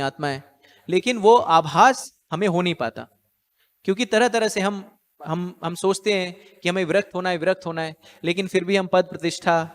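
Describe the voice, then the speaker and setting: A male preacher with a notably high voice gives a scripture lecture. He talks like a storyteller and repeats key lines so the listeners can echo them. His voice trails off in a long reverb, as if he is in a large hall.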